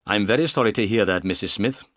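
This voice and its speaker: A man reading the part of a calm, polite detective in a storybook, speaking firmly and briskly. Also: fairly low pitch, no room sound, studio quality, natural voice. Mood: concerned. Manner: firm, clipped, quick delivery.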